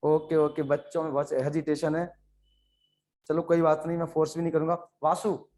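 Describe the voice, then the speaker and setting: A man's voice: on the high side, monotone, normal speed, darkish tone. A man from India teaching a biology class online, explaining in Hindi with English terms and calling on students by name. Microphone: online class setup.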